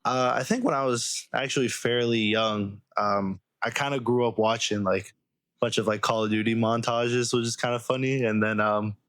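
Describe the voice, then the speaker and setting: A young man from Massachusetts, a videographer, answering interview questions in a relaxed, rambling way with many fillers. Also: medium pitch, normal speed, dry recording.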